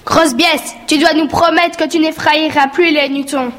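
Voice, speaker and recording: Lady doing a bossy count for a kids story, highish voice. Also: steady tone, moderate pace, a bit bright. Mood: solemn. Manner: commanding. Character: commanding male count, stern noble.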